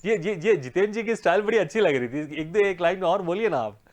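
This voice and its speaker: A male news-channel host with a slightly high voice. He asks long, winding questions, repeating words as he goes, and laughs easily. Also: lively intonation, fast. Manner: laughs often, encouraging. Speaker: host, interviewer. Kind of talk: TV interview.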